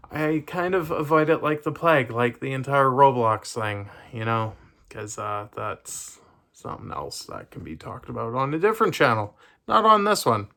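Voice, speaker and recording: A man's voice: medium pitch, bright, forceful tone. A young man talking casually to his camera, hesitant and rambling with many fillers. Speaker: vlogger.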